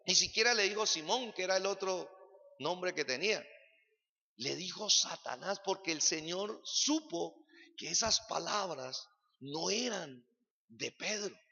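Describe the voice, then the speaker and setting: High-voiced, gravelly pastor preaching. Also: male voice, bright, forceful tone. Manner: preaching with rhetorical questions to the congregation. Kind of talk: sermon. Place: church sanctuary. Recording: long church-hall reverb, dull lo-fi sound.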